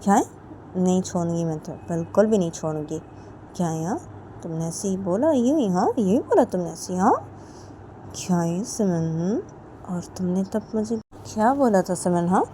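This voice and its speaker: A playful, clingy young woman, as a storyteller puts her on, teasing with a low, soft, mellow voice. She prods gently with little questioning hums, close and intimate in a spoken storybook. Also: lively intonation, normal speed, a little hiss or hum, natural voice. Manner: teasing, keeps asking "hmm?".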